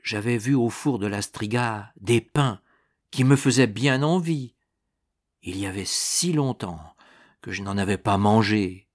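A man reading a storybook aloud and voicing a gentle, pleading poor young woman. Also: lowish voice, a little slow. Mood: sorrowful.

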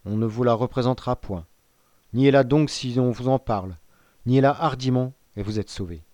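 A man's voice: mid-range voice, normal speed, a little mellow, dry recording, lightly acted. A man playing a stern, anxious magistrate in a storybook reading, commanding and tense, hiding a secret behind firm orders. His mid-range voice sits close to the mic in a dry, dead-sounding recording. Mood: urging. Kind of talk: audiobook character voice.

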